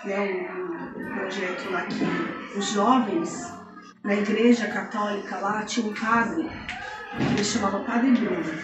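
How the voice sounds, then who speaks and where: A woman's voice: mid-range voice, steady tone, measured pace. A woman recounts the origins of a community project for a documentary, in an explanatory, storytelling manner. She sounds distant in a roomy space, with music under her voice. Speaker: interviewee. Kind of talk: documentary interview.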